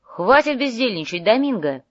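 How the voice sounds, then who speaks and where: A woman's voice: on the high side, big pitch swings, normal speed, muffled recording, pitched above the performer's own voice. A woman voicing a grumpy, thrifty male mage analyst who grumbles and nags his partner. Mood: grumbling. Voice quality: grumbling, sarcastic.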